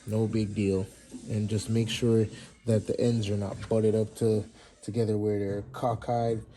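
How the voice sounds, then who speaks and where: A low, mellow-voiced man with a Jamaican accent walks through a garage job in an easygoing tutorial. He talks loosely, with fillers and restarts, over faint background music. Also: a little slow, rough recording. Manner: relaxed, chatty, many fillers and restarts. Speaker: mechanic demonstrating engine assembly. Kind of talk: casual how-to tutorial. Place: home garage workshop.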